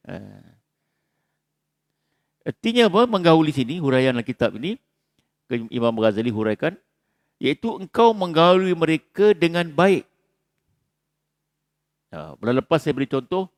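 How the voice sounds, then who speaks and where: A male preacher with a Malaysian Malay accent gives a dawn lecture in a mosque. He speaks in a lively way, acts out household quarrels and often asks "ya?". His voice sits at a middle pitch, and the recording is dry and close. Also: creaky, no room sound. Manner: animated, acts out quarrels, peppers talk with "ha" and "ya?".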